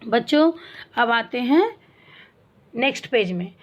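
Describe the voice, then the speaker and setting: High-voiced woman teaching a class. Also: lively intonation. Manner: explains slowly, asks the class questions and answers them herself. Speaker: primary school Hindi teacher. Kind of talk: online class lesson.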